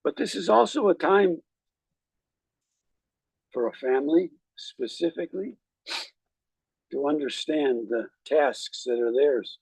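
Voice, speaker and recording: Husky, gravelly man giving a graveside eulogy. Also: a little high, animated, a little mellow, no echo, poor audio. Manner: measured, reflective, with deliberate pauses. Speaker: rabbi officiating at a funeral.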